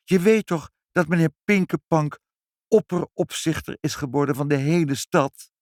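A man's voice: normal speed, dry recording, studio quality, close to an everyday voice. Een man die met hoge, beweeglijke stem een moeder uit een kinderverhaal speelt. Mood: worried. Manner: animated, high, expressive. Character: lively, caring mother in a storybook.

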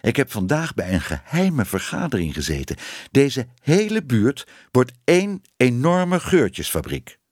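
A man's voice: medium pitch, big pitch swings, unhurried, darkish tone, dry recording, clean studio sound. A man voicing a talkative male factory cat who is eager to pass on gossip and news. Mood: chatty. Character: chatty male factory cat smelling of violets.

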